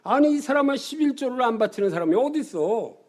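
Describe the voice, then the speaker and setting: Older man voicing a boastful churchgoer, quick-tempered, raised pitch, mellow. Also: expressive. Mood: indignant. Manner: bragging, then indignant.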